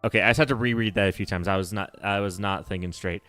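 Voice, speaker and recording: A low-voiced man chats quickly and loosely as he plays a game on a livestream, with soft music faintly behind him. He rambles, keeps correcting himself and laughs often in a nerdy way.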